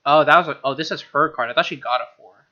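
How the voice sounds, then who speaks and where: Hosting a gaming video, a man reads a visual novel aloud and tosses in casual, snarky, profane remarks. He talks fast in a fairly high, sharp-toned voice. Guitar-driven game music plays under his dull, lo-fi mic.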